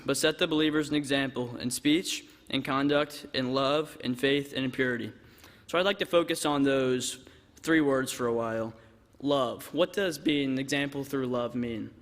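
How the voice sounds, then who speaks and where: A man giving a measured church devotional talk and asking his listeners rhetorical questions. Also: medium pitch, a bit bright. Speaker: devotional speaker. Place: church auditorium. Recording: long church hall reverb.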